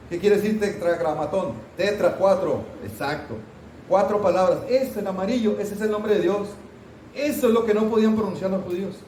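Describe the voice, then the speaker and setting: A pastor with a high-pitched, darkish voice teaches a Sunday school Bible class, chatting casually with his students, asking them questions, and tossing in mock scolding asides. He's recorded off-mic from a distance in a roomy church hall, with a little hiss or hum.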